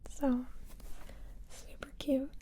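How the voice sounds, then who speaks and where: A woman whispering softly close to the ear into desk microphones, chatting casually in an ASMR ramble. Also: sits high, flat delivery, extremely slow. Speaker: ASMR video creator. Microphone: close ear-to-ear microphones on a desk boom arm.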